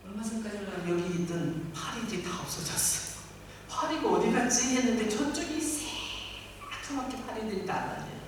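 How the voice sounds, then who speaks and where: A woman pastor preaching with lively, dramatic delivery, slipping into the voices of the people and of God in her story. Her voice carries through a big echoing church sanctuary. It is picked up from a distance, with audible room noise. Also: medium pitch, normal speed. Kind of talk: sermon. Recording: echoey church hall, mic far off.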